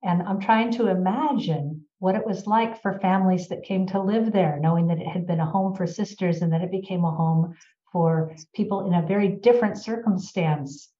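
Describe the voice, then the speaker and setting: Female interviewer, slightly low, dark timbre, conversational, dull lo-fi roomy sound. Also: normal speed.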